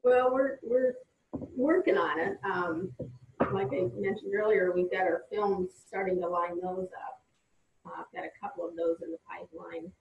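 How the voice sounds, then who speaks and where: A woman on a group voice chat, her voice coming through distant and muffled call audio with faint hiss behind it. She has a gravelly texture and talks in a hesitant, filler-heavy way. The call adds a hollow, roomy sound. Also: medium pitch, moderate pace. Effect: conference call audio.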